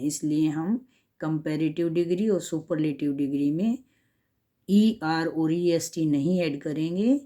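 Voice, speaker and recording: A woman language teacher explaining a grammar lesson slowly and carefully, switching between English and Hindi. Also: low voice, warm tone.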